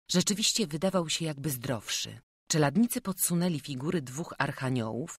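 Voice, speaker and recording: Calm woman audiobook narrator. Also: rumbling low, no room sound. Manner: calm, measured storytelling. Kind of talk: scripted narration of a classic children's novel. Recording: dry close studio voice.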